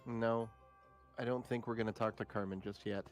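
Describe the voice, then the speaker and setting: A man's voice: lowish voice, fairly even intonation, moderate pace. A man chatting casually as a player in a tabletop role-playing game. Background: background music.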